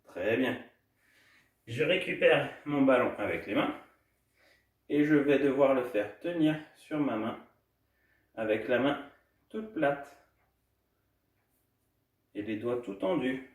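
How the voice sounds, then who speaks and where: A kids' gym coach leads a home class for little children, his mid-pitched voice cheerful and sing-song with lively intonation. He speaks slowly, takes long pauses and demonstrates as he moves. He stands back from the microphone, and the room adds a clear echo.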